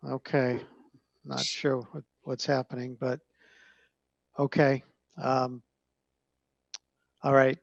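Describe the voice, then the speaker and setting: Man on a video call, muffled call audio, dry sound, hesitant, measured delivery with many fillers. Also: mid-range voice, flat delivery, gravelly, dry recording. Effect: heard over a video call. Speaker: staff member presenting an application to a zoning board. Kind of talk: presenting documents page by page at a public meeting. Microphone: computer microphone on a video call. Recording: dull, narrow-band call audio.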